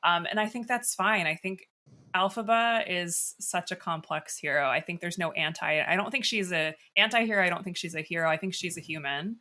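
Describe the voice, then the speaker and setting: Sex: woman. Role: podcast guest. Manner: bright, earnest. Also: lowish voice, brisk. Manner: thoughtful, earnest, frequent "like". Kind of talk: casual discussion.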